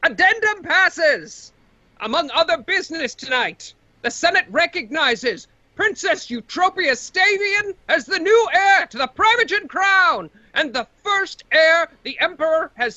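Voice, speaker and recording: A game master, a woman, voicing a formal Senate speaker who announces the vote slowly and loudly in a magically amplified voice. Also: very high voice, animated, no echo, dull audio, pitched above the performer's own voice, exaggerated voice. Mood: formal, proclamatory. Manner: loud, slow, drawn-out formal announcing.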